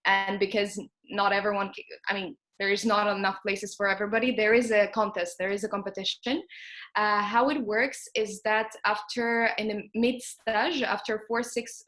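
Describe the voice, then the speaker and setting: A woman's voice: medium pitch, a bit bright. A young woman from Ukraine, an alumna guest in an online interview, talking with many fillers and self-corrections. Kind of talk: conversational interview.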